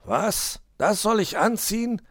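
A man's voice: high-pitched, animated, measured pace, fairly bright tone, no echo, studio quality, pitched above the performer's own voice, heavily acted. A man voicing a grumpy, impatient male fox in a storybook reading, grumbling and stubborn.

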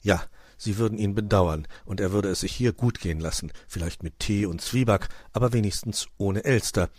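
A man narrating a children's story in a lively, expressive way. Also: on the low side, normal speed, no echo, studio quality.

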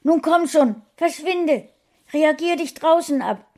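A woman's voice: on the high side, lively intonation, measured pace, warm tone, voice pushed up. A woman voicing an upset middle-aged housewife who keeps scolding her cat, in a storybook reading. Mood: shrill scolding. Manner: scolding, exclaiming.

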